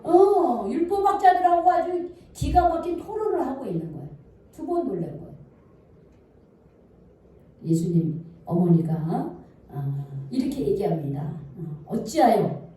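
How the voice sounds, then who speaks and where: Woman pastor, sermon delivery with questions to the pews, warm mellow tone, miked from a distance in a reverberant church. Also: medium pitch, big pitch swings, moderate pace. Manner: asks the congregation questions and answers them. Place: church sanctuary. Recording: echoey church hall, voice from far off.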